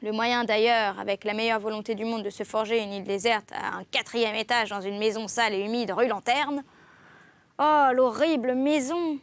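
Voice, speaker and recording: A woman reading a classic novel aloud in an expressive literary style, lifting her voice on exclamations. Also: mid-range voice, fairly quick, few pauses. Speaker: audiobook reader.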